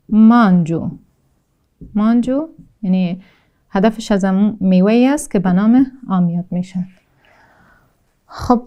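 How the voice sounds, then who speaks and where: Mellow-voiced woman teaching in Afghan Dari. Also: fairly high pitch, clear, resonant tone. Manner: slow, deliberate pronunciation drills, repeating each word twice; explains in a measured tone with frequent hesitations. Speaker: Arabic teacher. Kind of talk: recorded language lesson.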